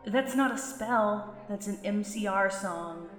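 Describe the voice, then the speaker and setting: A woman's voice: medium pitch, slow pace, close to an everyday voice. A woman voicing a foul-mouthed, angsty goth teenage witch girl who swears and bursts out melodramatically. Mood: snarling. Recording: roomy echo, faint music.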